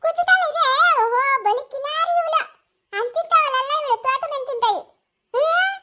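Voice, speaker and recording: A woman voicing a cheerful older village mother who dotes on a baby and teases in a loud, shrill way. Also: normal speed. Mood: doting. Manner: teasing, doting, loud. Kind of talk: cartoon voice acting.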